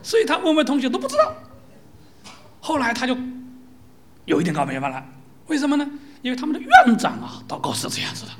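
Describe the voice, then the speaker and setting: A preacher giving a sermon in lively storytelling style, often asking "right?" of the listeners and dropping into soft, near-whispered asides. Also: high voice, fast, pauses often. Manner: lively storytelling with rhetorical questions.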